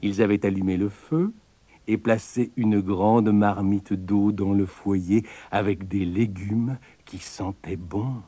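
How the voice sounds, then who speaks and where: A man reading a fairy tale aloud, with expressive storytelling. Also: fairly low pitch, slow pace, breathy edge, no echo.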